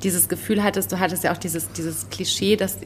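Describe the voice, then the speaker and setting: A woman from eastern Germany co-hosting a literary podcast, talking in an animated, emphatic way and often searching for words. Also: on the low side, fairly quick, slight background noise. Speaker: podcast co-host. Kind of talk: casual book discussion.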